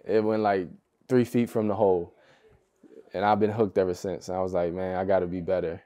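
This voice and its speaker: A young American basketball player guests on a podcast for a relaxed, casual interview. His low, level voice is mellow and a little fast, and he's laid-back and easygoing, laughing often and speaking loosely with many fillers.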